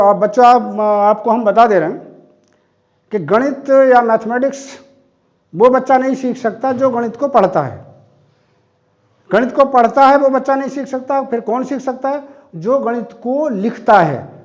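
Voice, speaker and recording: A man teaching a maths class, talking straight to his pupils with repeated rhetorical questions. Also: very high voice. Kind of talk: classroom lesson. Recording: dull lo-fi sound.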